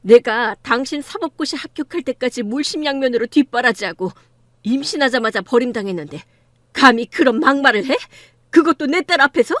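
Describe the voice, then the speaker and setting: A woman's voice: a little high, lively intonation, fairly quick, no echo, natural voice. A woman voicing a hurt, indignant mother in her fifties in an audiobook drama reading, talking with a pleading, reproachful edge. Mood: upset. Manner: pleading, then fiercely indignant.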